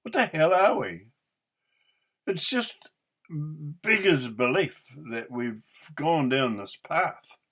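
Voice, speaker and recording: An elderly man with a New Zealand accent delivers an angry, unscripted rant. His voice sits slightly high for a man and moves up and down in lively sweeps. He is indignant and emphatic, swearing and stretching the words he wants to hammer home. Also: takes it slowly. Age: older, eighties. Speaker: opinionated vlogger.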